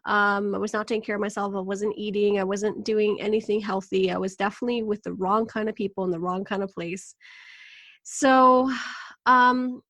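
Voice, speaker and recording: On a dry recording, a mid-range female voice belongs to a Venezuelan wellness coach in her thirties. She shares her life story as a podcast guest in a casual interview, open and animated, laughing a lot.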